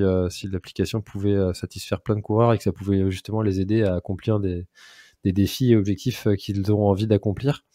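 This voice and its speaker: A man hosting a casual podcast interview, asking questions haltingly with many fillers. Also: on the low side, warm tone, no echo, studio quality. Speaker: podcast host.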